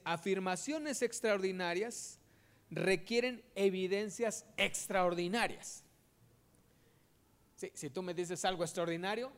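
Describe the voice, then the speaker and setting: A man preaching in a conversational way, asking the audience rhetorical questions. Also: sits high.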